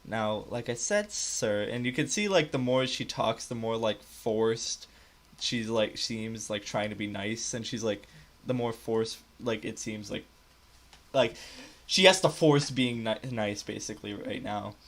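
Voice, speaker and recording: Young male game master, rambling, bright-toned, casual live narration. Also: lowish voice, measured pace. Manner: loose and rambling, many fillers and restarts.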